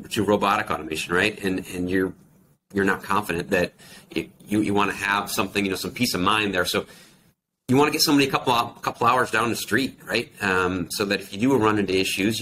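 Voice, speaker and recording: Deep and a bit bright, the voice belongs to an American man in his forties, an account manager invited as an industry guest, who talks conversationally and pieces his ideas together. The audio is poor: a computer microphone on a video call from a small, plain office, with clear background noise.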